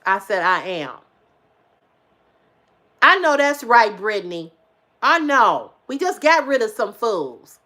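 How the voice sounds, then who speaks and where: Addressing her viewers on a relaxed livestream, this host in her fifties is emphatic and repeats lines for effect. Her swearing is unrestrained, and she moves between loud outbursts and quiet asides.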